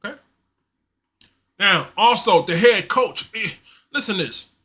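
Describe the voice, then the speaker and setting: A man hosting a casual live-stream sports show, talking in a loose, slangy, animated way and reading chat messages aloud. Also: high voice, a little slow. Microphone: streaming mic.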